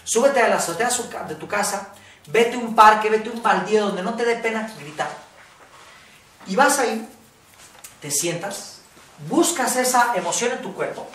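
A woman's voice: mid-range voice, expressive, normal speed, long pauses, a bit bright. A woman with a Mexican accent teaching a casual workshop lesson, blunt and swearing freely, often checking in with "¿ok?". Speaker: workshop facilitator. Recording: echoey room from far off.

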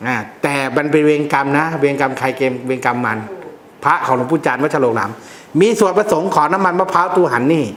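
In a noticeably echoey room, a man who teaches about amulets explains their lore in a casual, blunt, joking way peppered with crude slang. He talks at a quick pace, and his tone is fairly bright and a little high for a man.

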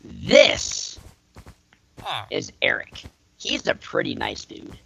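A man voicing a sinister young impostor through a robotic, distorted voice filter, talking in a cold, deadpan, threatening way. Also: fairly high pitch, takes it slowly, vocal fry, exaggerated voice. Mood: menacing. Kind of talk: machinima roleplay acting.

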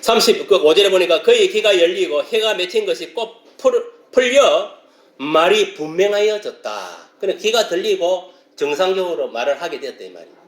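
A man preaching a sermon as pastor, explaining a passage and now and then breaking into loud shouted exclamations. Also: high-pitched, expressive, fairly quick, echoey room.

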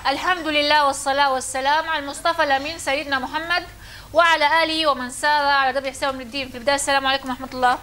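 A woman's voice: sits high, level tone, rapid-fire, bright, forceful tone, a little hiss or hum. Woman lecturing a class. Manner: questioning, calls on students.

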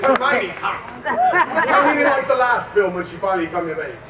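A man performing a loud, teasing, bantering comedy show on an outdoor stage, in a jokey, often laughing manner. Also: high-pitched, expressive, a little fast, muffled recording. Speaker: comic stage performer at a Renaissance fair. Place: outdoor wooden stage, audience around. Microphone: distant camera in the audience. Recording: distant outdoor recording with noisy crowd, echo.

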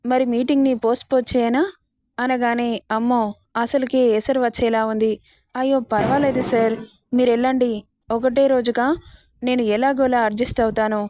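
Mellow-voiced woman reading a serial story. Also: fairly high pitch, little pitch movement, normal speed, no echo. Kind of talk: narrated romance story reading, voicing all dialogue.

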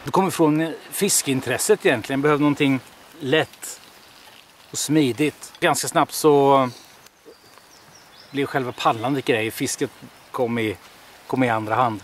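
A man who organizes a packrafting meetup, interviewed outdoors in a forest in a calm, unhurried way. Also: mid-range voice, a little hiss or hum. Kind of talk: documentary interview.

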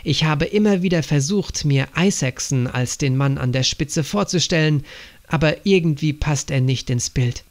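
A man's voice: on the high side, moderate pace, close to an everyday voice. A man voicing an earnest young woman agent reporting to her father in an audiobook.

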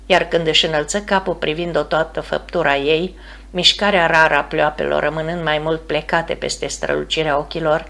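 A woman narrating an audiobook in a steady, measured reading voice. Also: low voice, gravelly. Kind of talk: scripted narration.

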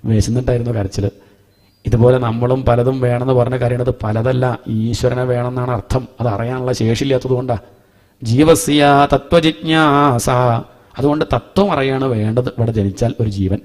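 A man's voice: medium pitch, darkish tone. Man giving a homely scripture talk. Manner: chants Sanskrit verses slowly, then explains in a homely conversational way. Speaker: Bhagavatam teacher.

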